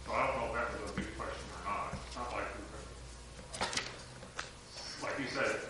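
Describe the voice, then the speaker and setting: A man's voice: on the low side, fairly even intonation, moderate pace. Man leading a meeting, distant and echoey. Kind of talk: deliberative discussion in a church meeting. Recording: very echoey room, distant mic, clear noise.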